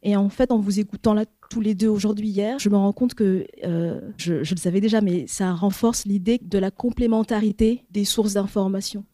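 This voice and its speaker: Audience woman; thoughtful, hesitant comment, mellow voice, dry recording. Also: mid-range voice, steady tone, moderate pace, hardly any pauses, no echo. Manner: careful, reflective, with many hesitations. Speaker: audience member sharing a reflection. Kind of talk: audience comment at a public talk.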